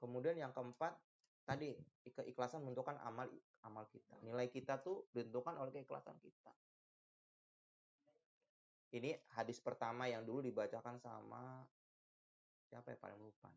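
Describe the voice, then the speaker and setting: A man telling a religious lesson to young children, his voice leaping up high for emphasis. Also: moderate pace, creaky, pauses often. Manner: animated, pitch jumps up for emphasis. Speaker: religious mentor teaching children. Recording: dull lo-fi recording.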